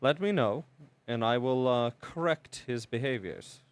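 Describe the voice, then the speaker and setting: A man's voice: medium pitch, lively intonation, unhurried, no room sound, natural voice. A man voicing a young nobleman, formal and apologetic, who stammers over his words and makes fun of himself. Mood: earnest. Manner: formal, stammering, self-deprecating.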